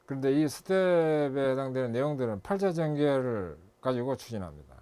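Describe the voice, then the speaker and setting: A man's voice: mid-range voice, expressive, moderate pace, warm tone, smooth. A middle-aged man lecturing as an instructor and consultant, listing steps methodically and correcting himself as he goes.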